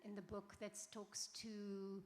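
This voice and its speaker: A woman's voice: medium pitch, monotone, slow pace, a little mellow. A woman moderating a live panel discussion at a festival, chatty and loose, laughing as she talks. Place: festival venue before an audience. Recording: roomy hall with long reverb, faint ambience.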